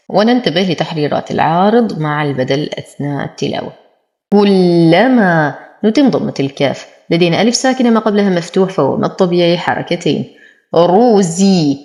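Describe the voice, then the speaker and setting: Lower-pitched woman teaching Quran recitation. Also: darkish tone. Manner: slowly draws out recited words, then explains rules briskly. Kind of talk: tajweed lesson, recite then explain.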